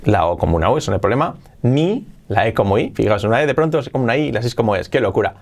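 A man with a Spain Spanish accent teaching English pronunciation in an online lesson, lively and repeating drill words again and again. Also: mid-range voice, racing.

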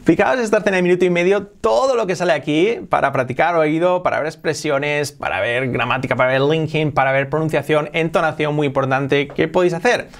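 Guy teaching english on video, slows down and repeats lines, mixes two languages. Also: fairly high pitch. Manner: repeats phrases slowly, switching between two languages. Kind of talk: casual video lesson.

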